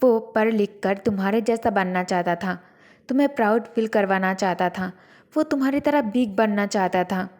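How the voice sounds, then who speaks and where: A woman voicing a scheming young wife who feigns innocence and pleads softly in her own defense. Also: mid-range voice, normal speed, natural voice. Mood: justifying.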